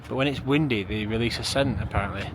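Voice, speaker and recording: A man's voice: on the low side, fast talker. Chatty man on a road trip. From England. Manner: chatty, rambling, full of restarts and fillers. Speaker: travel vlogger. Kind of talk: casual travel vlog narration. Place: outdoors in a small town and in a car. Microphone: phone camera. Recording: phone video with clear street and car noise.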